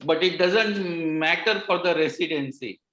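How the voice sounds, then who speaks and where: A man who is a pathology resident gives earnest, halting advice on an online panel, with many restarts. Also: fairly high pitch, a bit bright. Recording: roomy echoey audio.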